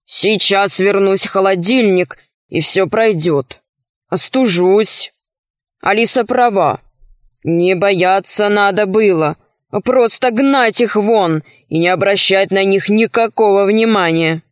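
A woman voicing a kindly, sensible old Father Frost who speaks calmly in a storybook reading. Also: medium pitch, no echo, clean studio sound, voice pushed down, lightly acted. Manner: slow, calm, unhurried.

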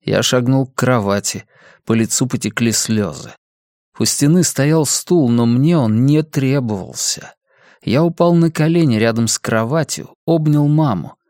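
A man reading a novel aloud in a calm, measured storytelling manner. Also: medium pitch, no echo, clean studio sound. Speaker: audiobook narrator. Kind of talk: scripted narration.

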